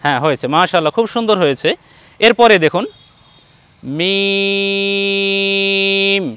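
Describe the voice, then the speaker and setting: A man's voice: sits high, lively intonation, rapid-fire, fairly bright tone, no echo. A man with a Bangladeshi Bengali accent, teaching Quran letter pronunciation online and patiently repeating each sound for his students.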